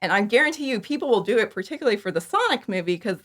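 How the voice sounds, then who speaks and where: Racing along in an expressive, medium-pitched voice with a fairly bright tone, a woman in her thirties answers interview questions as a podcast guest. She creates fan audio dramas and chats informally, with plenty of enthusiasm and giggling.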